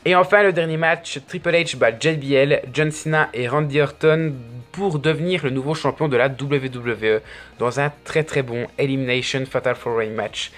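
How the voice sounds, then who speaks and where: A man's voice: medium pitch, moderate pace, fairly bright tone, soft background music. A man talking on his own in a casual video review, chatty with lots of fillers and restarts. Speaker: wrestling reviewer.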